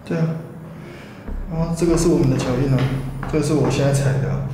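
A man with a slightly high voice gives casual, careful exploration commentary. He sounds like he is in a very echoey empty stairwell, with clear noise in the recording. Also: fairly even intonation, fast. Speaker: ghost-hunting explorer and host. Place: dark abandoned building corridors and stairwell.

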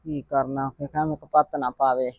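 A man playing a gentle, meek elderly grandmother who talks softly and resignedly, fearing any quarrel. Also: medium pitch, level tone, moderate pace, no echo, phone-quality sound, lightly acted. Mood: worried. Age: older. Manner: soft-spoken, resigned complaining. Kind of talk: family drama vlog acting.

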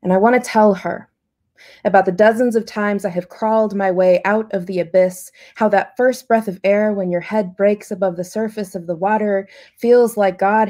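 A woman's voice: medium pitch, dark tone. A woman born in Costa Rica, reading her poetry in an earnest, intimate way. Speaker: poet.

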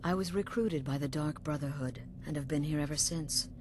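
A woman's deep voice, close to how she might sound day to day, plays a middle-aged assassin leader in a video game. She is coolly sinister and sly, measured and knowing with dramatic pauses, and the background is noisy.

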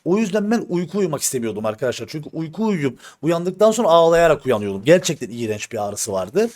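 Man, live streamer, slightly high voice, heated and blunt, swears, repeats himself, talks straight to viewers. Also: very animated, quick pace, darkish tone. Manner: addresses the audience directly, repeats himself for emphasis. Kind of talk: casual stream talk to viewers.

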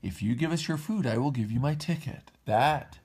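A man voicing a sly old fox swindler in a storybook read-aloud, slow and wheedling. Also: medium pitch, a little mellow, breathy edge, voice pushed up.

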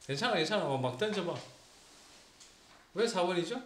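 Male teacher with a Gyeongsang accent, somewhat high voice, joking and quizzing his students in an echoey room. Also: expressive, normal speed. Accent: Gyeongsang Korean. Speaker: English teacher. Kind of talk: classroom grammar lesson. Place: small classroom. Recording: roomy classroom echo.

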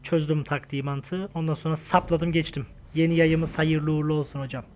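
A young man giving casual, slangy gameplay commentary, shouting taunts and swearing during fights. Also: on the high side, fairly even intonation, fairly quick, slight background noise. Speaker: gaming channel host.

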